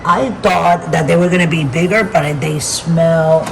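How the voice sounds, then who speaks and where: Casting: woman home-cooking host, lowish voice, chatty and agreement-seeking, recorded off-mic in a roomy kitchen. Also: measured pace, gravelly, far from the mic, a loud crowd. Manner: conversational, repeatedly seeking agreement. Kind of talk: casual cooking demo, chatting to viewers.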